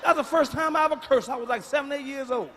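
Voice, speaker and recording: A man doing a stand-up comedy set, telling loud, profane stories and now and then breaking into sudden hollers. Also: very high-pitched, quick pace, a little hiss or hum. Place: comedy stage before a live audience. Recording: live hall recording with reverb.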